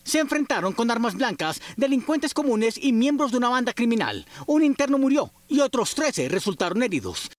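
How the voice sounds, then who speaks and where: Very high-voiced male news reporter. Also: very animated, moderate pace, hardly any pauses, no echo. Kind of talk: scripted news narration.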